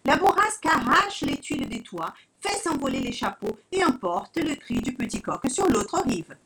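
A woman storyteller reading a children's story aloud with expressive, dramatic narration. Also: high voice, normal speed, gravelly, low-quality recording. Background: soft music.

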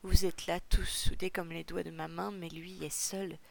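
A woman's voice: lowish voice, level tone, normal speed, vocal fry. A woman reading the storybook role of a loyal, kind-hearted young fisherman who speaks earnestly and defends his friend.

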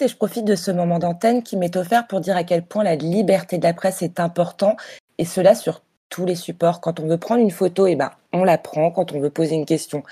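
A woman's voice: on the low side, mellow, lightly acted. A woman playing a pushy, self-important field reporter who keeps pressing her questions in a comedy sketch. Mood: pompous. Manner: insistent, bossy.

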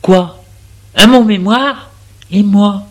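A man's voice: sits high, slow, pitched above the performer's own voice. A man voicing an anxious, weary young man who pleads and sulks in a spoken story. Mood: pleading. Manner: plaintive, self-pitying.

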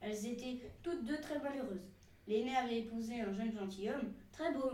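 A woman narrating a fairy tale aloud in a steady, measured reading voice. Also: a little high, distant mic. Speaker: storyteller. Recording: echoey room, voice from afar.

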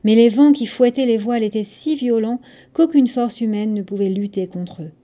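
A woman narrating a scripted story episode in a measured, dramatic way. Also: on the high side, warm tone.

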